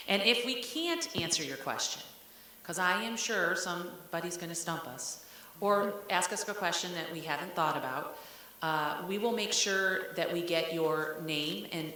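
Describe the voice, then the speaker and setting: A school district leader from Ohio, United States, speaks candidly and conversationally at a public meeting. Her voice is low-pitched with a sharp tone. The large meeting room sounds very echoey, with hiss on the recording.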